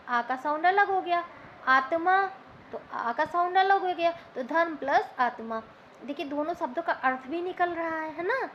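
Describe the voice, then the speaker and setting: A woman teacher with a high, bright voice walks through grammar rules step by step. She keeps asking questions and answering them herself. The recording is slightly dull and lo-fi, with faint noise behind her. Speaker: Hindi teacher. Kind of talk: classroom grammar lesson.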